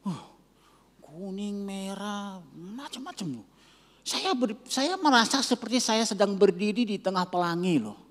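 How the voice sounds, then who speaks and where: A male pastor preaching a sermon, telling a story and swinging between loud exclaiming and hushed near-whispers. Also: high-pitched, expressive, unhurried. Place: church sanctuary. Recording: church hall reverb.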